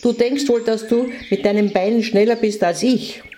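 A woman's voice: a little high, steady tone, normal speed, mellow, a little hiss or hum, voice pushed up, lightly acted. A woman voicing a clever, cheerful little male hedgehog in a storybook reading, in an eager manner. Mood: defiant.

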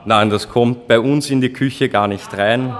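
This young restaurant owner, also the head chef, gives casual interview answers plainly explaining his concept from the dining room. His mid-range voice stays fairly even and unhurried, echoing in a large hall.

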